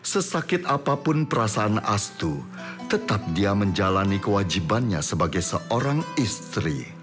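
A man narrating a scripted drama in a storytelling style. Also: on the low side.

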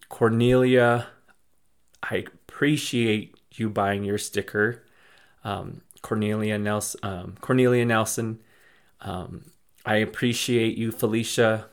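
Rambling man, slightly low voice. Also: clean tone. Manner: rambling, restarts and repeats phrases; effusive and grateful. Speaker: podcast host and small business owner. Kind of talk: casual life-update ramble.

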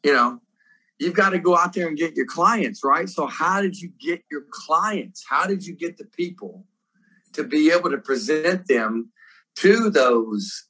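A man co-hosts a casual interview chat, firing off rambling questions full of restarts. His voice is husky and sits a little high. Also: lively intonation, measured pace, sharp tone, low-quality recording. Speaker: podcast co-host.

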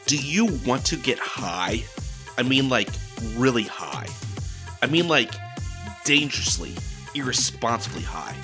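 A man's voice: medium pitch, expressive, unhurried, natural voice. A man voicing a disembodied brain in a jar who hosts eerie audio tales, a theatrical, sly showman. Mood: salesy. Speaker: host. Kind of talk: scripted podcast narration. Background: music.

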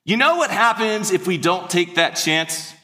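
A man's voice: sits high, lively intonation, unhurried, bright, forceful tone, full character voice. A man acting out a determined medieval male rebel leader, urging his men in a sermon. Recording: long hall reverb.

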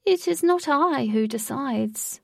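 A woman reading a storybook, voicing a smug, theatrical male host who speaks slowly and grandly. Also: high voice, lively intonation, gravelly, no echo, clean studio sound, distant mic, voice pushed up, heavily acted. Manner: slow, drawn-out, lofty phrasing.

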